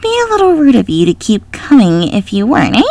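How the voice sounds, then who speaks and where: A man's voice: very high-pitched, wildly swooping pitch, fairly quick, gravelly, darkish tone, no echo, heavily acted. A man voicing a giggly, unhinged pony in a sing-song, gleefully mocking manner. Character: giggly, unhinged pony who hides from a chaos god.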